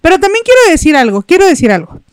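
A woman's voice: very high-pitched, sing-song, quick pace, no echo, clean studio sound. A woman with a Mexican accent, chatting and telling gossip in a playful, storytelling way as a co-host. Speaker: podcast co-host. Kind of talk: casual gossip chat.

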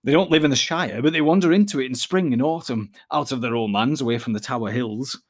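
A man voicing a cautious young male hobbit in a storybook reading, speaking quietly and evenly. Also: medium pitch, fast, natural voice. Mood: hushed, cautious.

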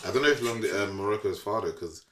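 A man's voice: on the low side, rapid-fire, a bit bright, distant mic, slight background noise. A young man with a London roadman accent chatting casually in slang, tagging phrases with fam and innit. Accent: London, urban roadman slang. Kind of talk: casual group chat. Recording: echoey room, off the mic.

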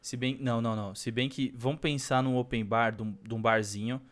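A man's voice: mid-range voice, fairly even intonation, a little fast. A young man with a Brazilian Portuguese accent, co-hosting a podcast in playful, informal, slangy chat with casual swearing. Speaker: podcast co-host.

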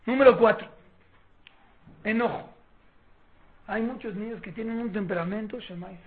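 Speaking at a normal speed and medium pitch, this Mexican-accented teacher delivers a lively religious talk about raising children. Family scenes get acted out, complete with mock questions. A thin, phone-like quality and a trace of noise color the recording.

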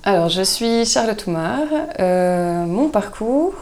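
Mellow-voiced woman. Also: mid-range voice, slow. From Switzerland. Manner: relaxed, thoughtful, many hesitations, laughs easily. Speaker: guest, soap maker. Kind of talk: casual interview chat.

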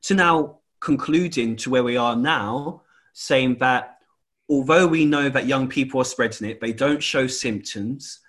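A man's voice: mid-range voice, unhurried, fairly bright tone. A man chatting casually in an exasperated way, repeating his points for emphasis. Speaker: school or college staff member. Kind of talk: casual chat.

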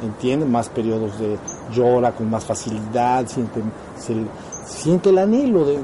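Unhurried and lively, a mid-range male voice with a Mexican accent leads an informal spiritual lesson, explaining points and frequently checking with short questions that his students follow. There is background noise.

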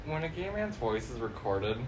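A man's voice: mid-range voice, sing-song, moderate pace. A man in his twenties co-hosting a casual podcast chat, giggly and self-mocking. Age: 20s. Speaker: podcast co-host. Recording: distant mic with background noise.

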